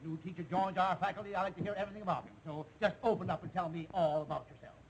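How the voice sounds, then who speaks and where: A man's voice: high-pitched, fairly even intonation, very fast, poor audio. A man playing a jovial, easily distracted school principal in a 1950s TV sitcom, talking in a hearty, chummy way. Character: jovial, scatterbrained middle-aged male principal. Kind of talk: 1950s live TV sitcom acting. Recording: faintly hissy old television recording.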